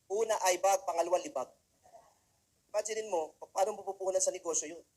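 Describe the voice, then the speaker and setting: A man's voice: sits high, fast, darkish tone. A man from the Philippines giving a humorous talk to students, telling comic stories and speaking straight to the audience. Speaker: motivational speaker.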